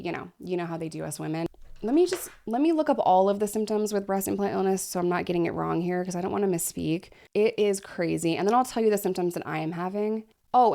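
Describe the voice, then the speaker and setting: A woman in her thirties talking frankly and chattily in a personal vlog, often pausing for deep breaths because she is short of breath. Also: gravelly, a little mellow. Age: 30s. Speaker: vlogger. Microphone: desk microphone.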